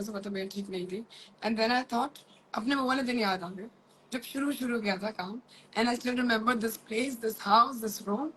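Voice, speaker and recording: A middle-aged woman with an Indian accent, chatting live with her followers from a room at home, mixing Hindi and English with rushed asides. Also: fairly high pitch, a bit bright, a little hiss or hum, rough recording. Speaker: makeup artist and academy owner. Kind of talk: live-stream chat to followers.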